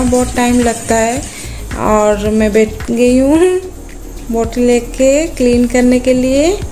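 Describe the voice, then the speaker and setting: Cheerful high-voiced woman vlogging. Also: warm tone. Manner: chatty, cheerful, talks to viewers while cooking. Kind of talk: casual Hindi vlog narration. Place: outdoors on a roadside, then a home kitchen. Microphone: phone held at arm's length.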